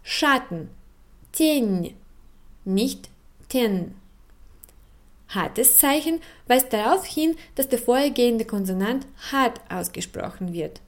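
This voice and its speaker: A woman giving scripted educational narration, explaining things in a clear, measured way with carefully spoken example words. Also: a little high, lively intonation. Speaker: narrator of a language feature.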